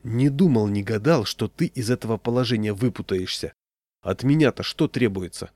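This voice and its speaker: A man voicing a slow-witted, cautious union chairman who talks bluntly and matter-of-factly, recorded dry and close. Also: fairly low pitch, darkish tone, dry recording, close to an everyday voice.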